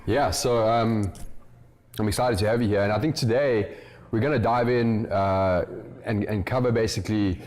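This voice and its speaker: A man hosting a live interview, introducing his guest with appreciative words and many fillers. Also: fairly low pitch. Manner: warm, appreciative, halting with fillers. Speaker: host. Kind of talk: live interview before an audience.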